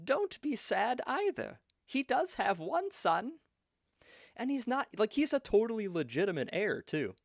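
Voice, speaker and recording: A man voicing a toothless old female hag who speaks prophecy bluntly, in a high, slow crone voice. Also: big pitch swings, gravelly, no room sound, clean studio sound, exaggerated voice. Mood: prophetic.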